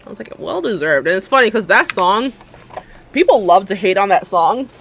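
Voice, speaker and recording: Bright, lively-voiced young woman streamer. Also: medium pitch, normal speed, a little hiss or hum. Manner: rambling, chatty, laughs often, many fillers. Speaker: livestreamer. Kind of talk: casual chat with live viewers.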